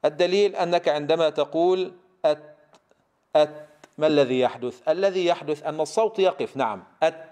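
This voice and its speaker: A man teaching Quran recitation. He drills letter sounds slowly and with emphasis and asks the listener to repeat after him. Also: fairly high pitch, darkish tone. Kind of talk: tajweed lesson.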